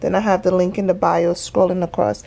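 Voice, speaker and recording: A woman's voice: on the low side, little pitch movement, fairly quick, gravelly, mellow. A woman vlogger chatting casually and informally to her viewers as she films her day on a handheld phone. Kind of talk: casual day-in-the-life vlog chat.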